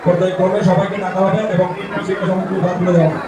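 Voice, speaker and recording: Bangladeshi guy doing formal announcements on an echoey loudspeaker, crowd noise all around. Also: sits high, level tone, rapid-fire. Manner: public-address delivery over an echoing loudspeaker. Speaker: event announcer. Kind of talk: formal public announcements at a ceremony. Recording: echoing loudspeaker, distant mic, noisy crowd.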